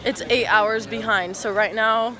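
A woman's voice: a little high, steady tone, measured pace, crowd noise, poor audio. Bubbly young woman vlogging outdoors. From Utah, United States. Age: young adult. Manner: bubbly, chatty, says literally often. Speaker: vlogger, college basketball player. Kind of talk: casual travel vlog chat. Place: outdoors in a city and on a paddle boat.

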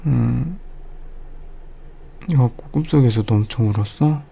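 A man in a whispered role-play, playing a caring boyfriend who soothes his girlfriend after a nightmare, speaking gently and softly into a close mic. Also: mid-range voice, a little slow. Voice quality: soft, breathy, dark and gravelly.

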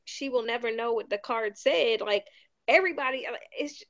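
Animated Baltimore woman chatting. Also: on the high side, moderate pace, dull audio. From Baltimore, USA. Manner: animated, exclaims and voices her own reactions. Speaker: podcast co-host. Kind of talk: casual chat.

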